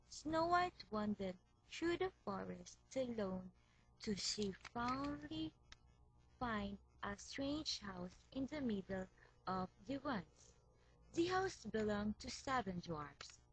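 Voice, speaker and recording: A woman reading a fairy tale aloud as storyteller, slow and careful. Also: medium pitch, breathy edge, poor audio.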